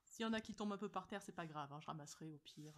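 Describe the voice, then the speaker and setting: A woman's voice: low-pitched, rapid-fire, noisy background. A woman hosting a casual vlog, playful and teasing, often laughing as she talks. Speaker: video host.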